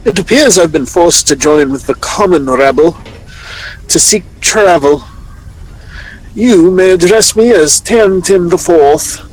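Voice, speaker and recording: Man voicing a snobbish elf noble, high and lively voice, a bit husky. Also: unhurried, rough recording. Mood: haughty. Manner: pompous, formal. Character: haughty aristocratic male high elf.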